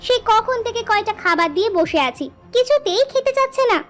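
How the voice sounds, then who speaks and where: Lady doing a very high-voiced doting mom, emotional, pitch jumps all over. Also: expressive, brisk, faint music behind. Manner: pleading, indulgent. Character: doting village wife and mother, emotional. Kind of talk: cartoon voice acting.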